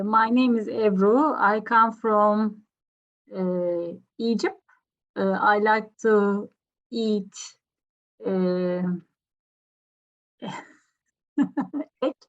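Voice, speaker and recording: Very slow, hesitant woman on a call. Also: medium pitch, lo-fi sound. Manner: hesitant, pausing between words. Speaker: workshop participant. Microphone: video call.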